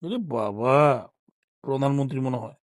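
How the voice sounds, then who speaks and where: A man's voice: medium pitch, moderate pace, dry recording, studio quality. A man vlogging while he coaxes, teases and playfully scolds his sulking pet. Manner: coaxing, teasing, playfully scolding. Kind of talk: casual vlog talk to a pet.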